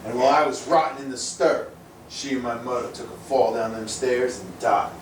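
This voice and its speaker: A man's voice: mid-range voice, moderate pace, lightly acted. A man playing a menacing gangster kidnapper. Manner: slangy tough-guy menace. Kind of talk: live community stage play. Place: theater stage. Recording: distant echoey hall recording, noisy.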